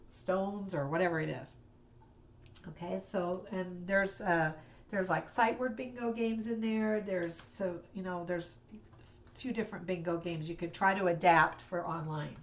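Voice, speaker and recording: A woman's voice: medium pitch, slight background noise. A woman teacher casually explaining reading games to fellow teachers, chatty and rambling with many fillers and restarts.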